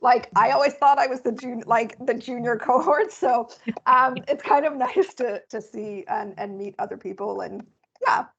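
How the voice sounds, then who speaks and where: A woman's voice: a little high, moderate pace, vocal fry, slight background noise. A woman in an online study group, sharing her experience hesitantly with many fillers. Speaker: study group member, former mentor. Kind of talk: casual group discussion. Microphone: video call. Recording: muffled video call audio.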